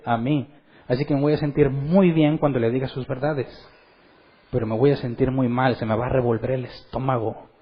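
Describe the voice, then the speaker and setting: A man's voice: mid-range voice, slightly rough, lo-fi sound. A man teaching a Bible study as pastor, asking his listeners questions and acting out quotes. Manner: animated, asks the audience questions and acts out quotes. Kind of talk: sermon-style Bible teaching.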